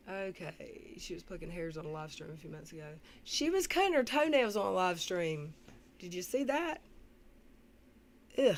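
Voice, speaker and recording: A woman giving casual reaction commentary on a livestream, often clearing her throat and pausing to read comments. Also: fairly low pitch, sing-song. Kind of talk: casual reaction commentary, reading live chat. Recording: faintly noisy livestream audio.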